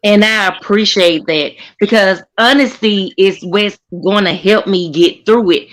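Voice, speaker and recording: A woman's voice: medium pitch, a little slow, a bit bright, rough recording. Earnest woman in her forties opening up. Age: 40s. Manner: earnest, repeats herself, opens up about hardship. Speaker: guest caller on a group stream. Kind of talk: emotional casual chat.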